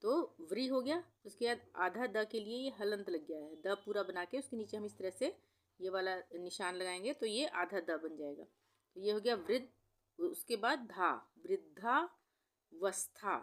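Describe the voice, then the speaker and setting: A woman teaching Hindi spelling as a voice-over, who says each word slowly and then repeats it several times. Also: medium pitch, animated. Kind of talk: spelling lesson.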